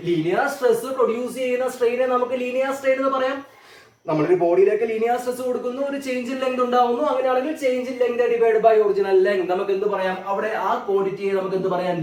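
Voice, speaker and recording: Malayali male physics teacher, high voice, quizzes students and answers himself, drags out key terms, roomy sound with the mic at a distance. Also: a little mellow. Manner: asks students questions and answers them, repeats key terms slowly. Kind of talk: classroom physics lecture. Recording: echoey room, voice from off the mic.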